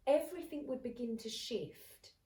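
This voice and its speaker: A woman in her thirties, co-hosting a podcast, speaks at normal speed in a high-pitched voice, caught from a distant mic in an echoey room. She's animated throughout the casual chat and acts out what others said.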